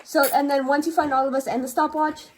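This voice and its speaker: A woman's voice: high voice, level tone, quick pace. A young woman vlogging casually with her friends, playful and giggly. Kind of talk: casual vlog chat. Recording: very noisy with loud chatter.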